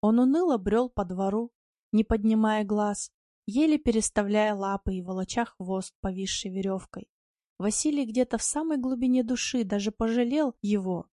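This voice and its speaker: Woman reading a story aloud, mellow darkish voice, dry close sound. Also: medium pitch, normal speed, dry recording. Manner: calm, expressive storytelling. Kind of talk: audiobook narration.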